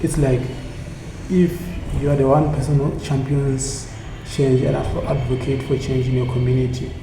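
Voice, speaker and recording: Earnest and halting, a founder of a community initiative repeats phrases as he reflects and motivates in a monologue. His flat voice sits at medium pitch; he's a South African man who grew up speaking Tsonga, recorded amid steady noise in an echoey room.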